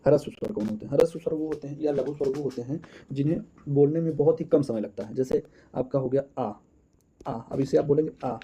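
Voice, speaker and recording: A man's voice: a little high, fast talker, mellow, slight background noise. A man teaching an exam-prep lesson, counting out answers aloud and calling his viewers friends.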